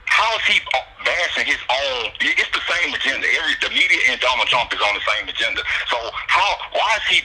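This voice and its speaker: A man from Atlanta, talking casually and repetitively about sports picks, getting animated as he goes. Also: medium pitch, fast talker, a little hiss or hum, low-quality recording. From Atlanta, USA. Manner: loose, repetitive, animated when worked up. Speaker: sports betting picks streamer. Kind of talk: casual conversation.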